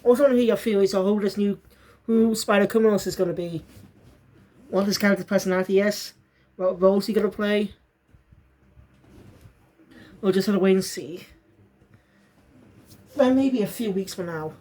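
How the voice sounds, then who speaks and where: A woman's voice: mid-range voice, moderate pace, long pauses, mellow. Casual rambling woman reviewing a show. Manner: rambling, self-correcting, bursts into fits of laughter.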